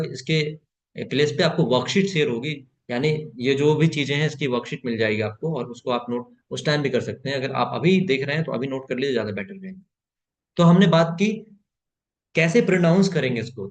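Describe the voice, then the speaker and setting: An Indian man on a video call teaching spoken English in an online class, explaining in Hindi and slowly repeating short English phrases for learners to copy. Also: a little high, roomy sound. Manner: slow drawn-out repetition of phrases for learners.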